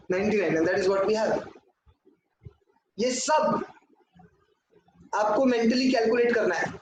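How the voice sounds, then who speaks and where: A man teaching a lesson in a very high register, and he answers the questions he puts to the class. His voice rings around a hard, echoey room, and there is steady noise behind it. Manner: talks at a board, asks and answers his own questions, mixes in English. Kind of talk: classroom lecture.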